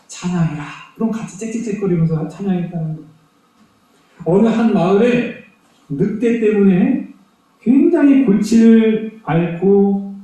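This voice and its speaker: Pastor guy telling stories at a kids' sunday service, high mellow voice, booming church echo from far off. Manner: animated storyteller, emphatic repetition. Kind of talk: children's Sunday sermon, storytelling. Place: church sanctuary.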